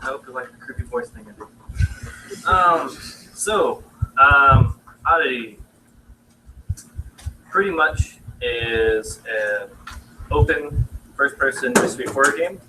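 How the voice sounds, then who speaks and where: A young man casually pitching his game in a live presentation, halting and full of fillers. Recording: distant mic in noisy room.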